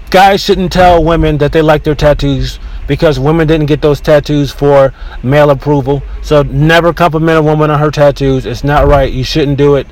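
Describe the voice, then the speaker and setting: A man hosting a casual solo podcast from inside his car, talking in an opinionated, rambling way with frequent restarts, over a low-quality recording. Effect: low-quality in-car recording with faint background noise. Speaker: podcast host. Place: inside a car near a beach.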